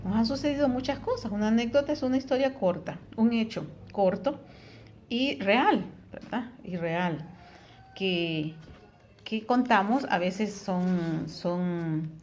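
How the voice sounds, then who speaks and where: A woman's voice: mid-range voice, lively intonation, takes it slowly, a little mellow, slight background noise. A woman teaching a lesson, explaining patiently, with frequent tag questions and fillers. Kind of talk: recorded Spanish tutoring lesson.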